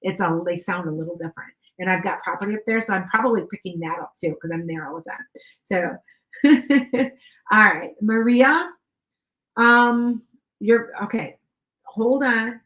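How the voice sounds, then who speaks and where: The recording is muffled and echoey, carrying a mid-range, slightly bright female voice at a moderate pace. She's a middle-aged psychic medium with a Chicago and Wisconsin accent, giving live-stream readings in a chatty manner, repeating herself and often asking if she makes sense.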